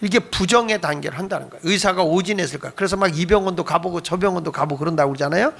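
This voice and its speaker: A middle-aged man preaches from a church pulpit in a high voice with a gravelly edge. He is playful with the congregation and breaks into voices as he tells his stories. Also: racing. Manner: acts out quoted voices with sudden jumps in pitch and loudness; humorous, calls for amens from the congregation. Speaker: pastor. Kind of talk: Friday night sermon. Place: church sanctuary.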